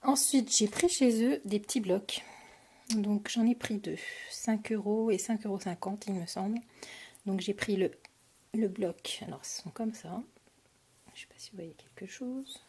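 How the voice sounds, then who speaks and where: A woman's voice: mid-range voice, measured pace, darkish tone, slight background noise. A French woman casually showing her craft supply purchases on camera, talking with many hesitations and fillers. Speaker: crafting vlogger. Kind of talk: casual product haul.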